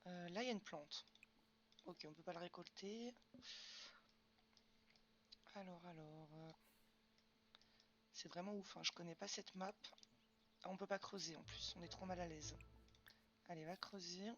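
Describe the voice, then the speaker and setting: Young woman streamer, bright chatty voice, chats with viewers between game moves, a bit dull and lo-fi. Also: lowish voice, unhurried, long pauses, a little hiss or hum. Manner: chatty, answers chat questions, frequent fillers and "hop". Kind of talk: casual live-stream chat while gaming.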